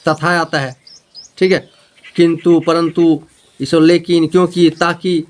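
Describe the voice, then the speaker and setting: Man teaching Hindi grammar, fairly high-pitched. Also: flat delivery, slow pace. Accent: Jharkhand Hindi. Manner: repetitive, explaining with homely examples and checking questions.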